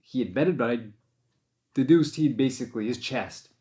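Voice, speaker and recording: A man's voice: mid-range voice, lively intonation, moderate pace, dark tone. A man hosting a casual podcast, retelling a hunt in a rambling way, often restarting and acting out his own thoughts. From Maine. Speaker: podcast host and deer hunter. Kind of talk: casual storytelling chat.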